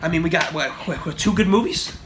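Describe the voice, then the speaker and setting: A man's voice: a little high, fast talker. Cursing, sarcastic young man ranting. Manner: sarcastic, heavily profane, exasperated. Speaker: movie reviewer. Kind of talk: ranting vlog review. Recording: noisy home recording.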